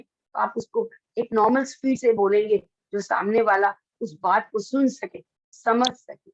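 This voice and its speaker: A woman teaching students communication skills in Hindi, lively and expressive, acting out example lines and mixing in English phrases. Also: fairly high pitch, creaky, dry recording, muffled recording. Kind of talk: lecture to students.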